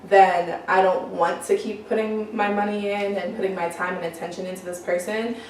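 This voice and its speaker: A woman's voice: medium pitch, fairly even intonation, normal speed. Young woman hosting a casual panel, easygoing and laughing, recorded far off in a very echoey room. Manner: laughs often, loose and chatty. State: sick. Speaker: podcast host. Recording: echoey room, mic far off, faint noise.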